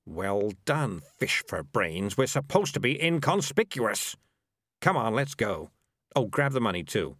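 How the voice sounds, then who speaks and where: A man's voice: sing-song, measured pace, dry recording, clean studio sound, exaggerated voice. A man voicing a sly sardonic talking cat. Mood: scheming. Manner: sardonic, low and quiet. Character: sly, dry-witted male talking cat.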